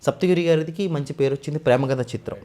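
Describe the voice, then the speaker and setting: A man, a mimicry artist, talking eagerly about his career in a casual interview. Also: a little high. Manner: rapid, eager, animated storytelling.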